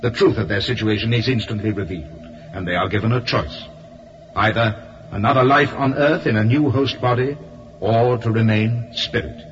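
An actor playing the grave, measured voice of an alien spirit council speaking as one, in a radio drama. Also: male voice, on the low side, lo-fi sound, close to an everyday voice.

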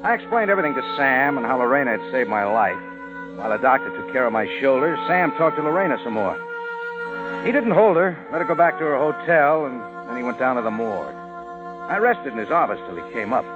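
An actor plays a hard-boiled private eye in an old radio drama, terse and dry, with a lively, swinging pitch. Music plays behind the old broadcast. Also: male voice, fairly quick, natural voice, low-quality recording. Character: tough hard-boiled male private detective narrator. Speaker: lead and narrator. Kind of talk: 1940s radio drama narration.

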